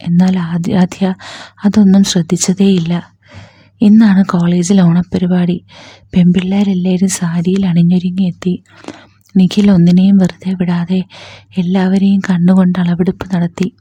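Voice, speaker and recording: A woman reading a story aloud in a soft, even, hushed way. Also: fairly low pitch, normal speed, breathy edge, dry recording. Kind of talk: storytelling narration.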